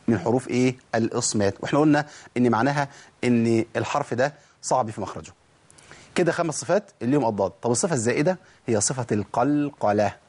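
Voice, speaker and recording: A man's voice: medium pitch, darkish tone. A man with an Egyptian accent teaching Quran recitation rules, asking questions and answering them himself. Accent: Egyptian Arabic. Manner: explains rules, asks and answers his own questions. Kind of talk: tajweed lesson.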